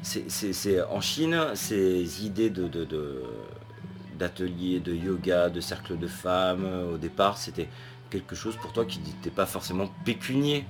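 Deep-voiced joking male host. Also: measured pace, over music. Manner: joking, playful, rambling. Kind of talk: interview conversation.

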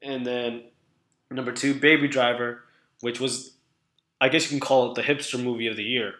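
A man talks movies in a casual, excited way, often restarting his sentences. His voice is bright and ringing. The room around him is echoey. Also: medium pitch, moderate pace.

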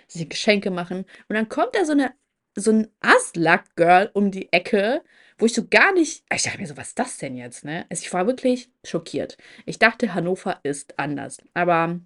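A woman podcast host in casual chat, telling stories in a lively, slangy way. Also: lowish voice. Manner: lively, chatty anecdote-telling with colloquial slang.

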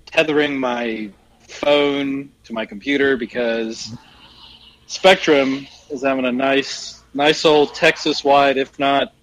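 A man's voice: mid-range voice, fairly even intonation, a bit bright, a little hiss or hum. A man chatting casually as a podcast co-host, his voice sounding like a phone call over a poor connection, rambling and correcting himself as he goes. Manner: rambling, halting, self-correcting. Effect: sounds like a phone call over a weak internet connection. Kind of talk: casual chat.

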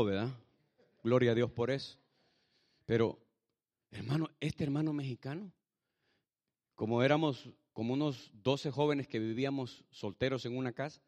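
A man preaching in church, telling his own testimony to the congregation and calling the listeners brother. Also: mid-range voice. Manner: animated, addresses listeners as brother. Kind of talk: sermon testimony.

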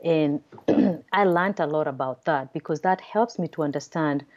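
Podcast guest: Kenyan-accented woman, low pitch, explanatory and conversational, on dull audio. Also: moderate pace, a little mellow. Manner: explanatory, checks in with "right?". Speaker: podcast guest, cybersecurity consultant. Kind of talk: conversational interview answers.

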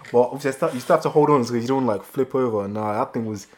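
A man's voice: mid-range voice, racing. Slangy young man telling anecdotes. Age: young adult. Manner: slangy, repeats himself.

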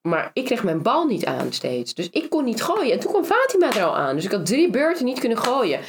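A woman from the Netherlands, a guest in a casual interview, telling her story in a lively way with many fillers. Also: on the high side, a little fast, a little hiss or hum. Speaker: interview guest, former reality show finalist. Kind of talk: casual conversation.

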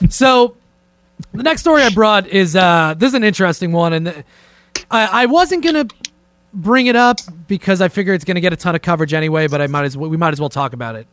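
He's a fast-talking podcast host whose voice sits high, sounds a bit bright and expressive, and carries no echo. In a joking, profane, informal way, he takes charge of a casual talk show chat held indoors on a remote conference call with a camera.

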